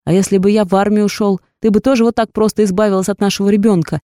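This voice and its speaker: A woman voicing a hot-tempered young man, a blunt, gruff boyfriend who shouts in anger. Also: mid-range voice, steady tone, fast talker, no room sound, clean studio sound, lightly acted. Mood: furious.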